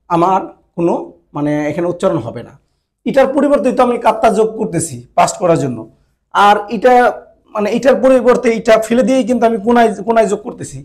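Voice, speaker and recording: A Japanese language teacher whose first language is Bengali gives a classroom-style grammar lesson, repeating each point and frequently checking that listeners follow. His voice sits high and is a little mellow.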